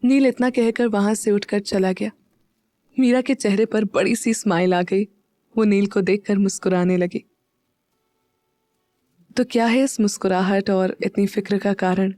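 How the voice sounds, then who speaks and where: Female narrator for an audio drama, measured and warm, dry recording. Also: medium pitch, fairly even intonation, no room sound.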